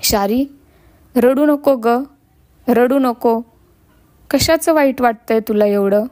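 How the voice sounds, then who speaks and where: A caring young village boy speaks softly and reassuringly, as a woman narrator voices him. The voice is slow and a little high, and it is recorded dry and close. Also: dry recording. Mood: consoling. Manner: soft, consoling.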